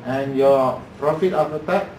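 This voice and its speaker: A man's voice: medium pitch, a little slow, darkish tone. A man with a Malaysian accent asking questions in an informal meeting, in Manglish-style English mixed with Malay. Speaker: questioner at a mock company meeting. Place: indoor room, far from the mic. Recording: echoey room, distant mic, faint noise.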